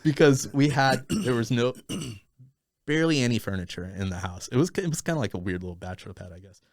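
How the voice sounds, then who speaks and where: A business owner born in Thailand and raised in Arizona tells stories as a podcast guest, rambling casually with many fillers and restarts. His medium-pitched voice is animated and fairly quick, captured in a dry, studio-quality recording.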